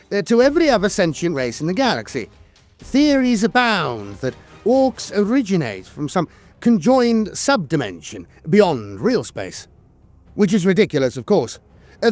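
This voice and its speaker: Over background music, a man narrates scripted fantasy war lore in a theatrical, deliberate style, pausing often and making hesitant filler sounds. His voice sits on the high side and is a little mellow.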